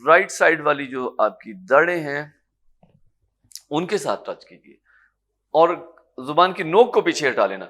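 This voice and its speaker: A man with a Pakistani Urdu accent and a somewhat high voice teaches a tajweed lesson in a lecture room. He explains patiently and stretches out each Arabic letter slowly and loudly. His manner stays calm and encouraging. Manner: sounds out Arabic letters slowly, drawn-out and loud. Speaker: Quran recitation teacher.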